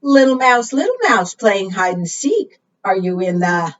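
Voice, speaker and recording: At a measured pace, a woman with a medium-pitched voice and lively intonation reads to young children as a preschool storytime librarian. She sing-songs the text and often poses questions to her audience, captured by a distant microphone that makes it sound muffled.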